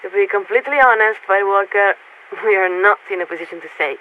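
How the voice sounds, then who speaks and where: This game character is a polite, remote warship crew officer watching over a city, voiced by a woman in a mid-range register. She sounds formal and puzzled, speaking in a measured way with hesitations as she gropes for words, through a hissing, tinny narrowband military radio filter.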